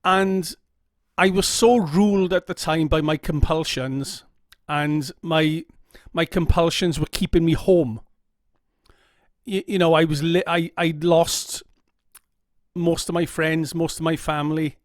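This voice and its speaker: With a steady tone and measured pace, a middle-aged Welsh man vlogs a personal story straight to camera, candid and earnest, often adding "okay?". His voice is a little high and has a Welsh accent, and the camera-mic recording is dry with clean studio sound.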